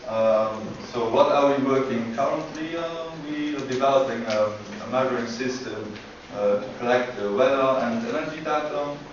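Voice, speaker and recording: A man giving a short conference pitch about a school project, halting and full of filler sounds. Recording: echoey hall, far from mic, dull, noisy.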